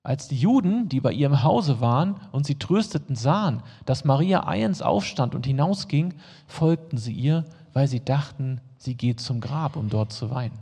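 A male preacher reads scripture and explains it, slipping into relaxed, everyday asides between the verses. His voice is dark and husky. It rings out with the long reverb of a large hall. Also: mid-range voice, normal speed. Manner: reads the text, then adds casual plain-spoken asides to the congregation. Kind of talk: sermon, reading scripture aloud and explaining it.

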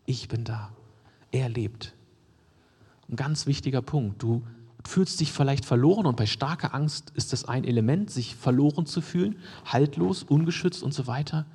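A man's voice: mid-range voice, moderate pace, a little mellow, slightly rough. A man preaching a sermon in a conversational way, often checking in with his listeners and sometimes dropping to a near whisper for emphasis. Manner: conversational, asks the audience questions, frequent "ne?" and "ja?". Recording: long hall reverb.

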